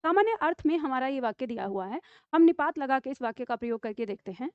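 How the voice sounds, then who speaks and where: A woman teaching a grammar lesson, explaining step by step with frequent check-ins and slowly dictating example sentences. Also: sits high, animated, clean tone, no echo. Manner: explains step by step, often asks "ठीक है?". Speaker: Hindi teacher. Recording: dull lo-fi dry room sound.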